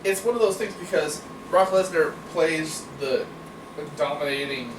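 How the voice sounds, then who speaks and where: Man, dry joker, podcast co-host, slightly high voice, roomy echo. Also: a little slow. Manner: dry joking asides. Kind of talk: casual wrestling review chat. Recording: roomy, distant mic, noisy background.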